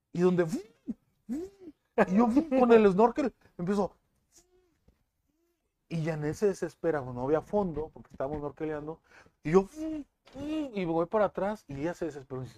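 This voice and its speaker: A man, a TV news presenter being interviewed, telling stories in a lively way with many restarts. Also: on the high side. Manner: animated storytelling with frequent restarts. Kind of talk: casual interview chat.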